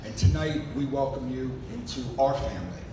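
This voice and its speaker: A man's voice: animated, fairly quick. A middle-aged or older man giving an informal wedding toast as father of the bride, telling jokey family stories. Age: 50s or older. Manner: jokey storytelling with acted-out quotes. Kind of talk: wedding toast, informal anecdotal speech to guests. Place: large room at a wedding reception. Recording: echoey noisy hall, distant mic, low rumble.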